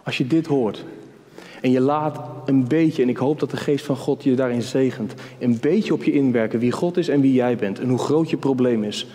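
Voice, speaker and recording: A man preaching a sermon with passion, dropping to hushed whispers and rising to high, urgent calls. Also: moderate pace. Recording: long hall reverb.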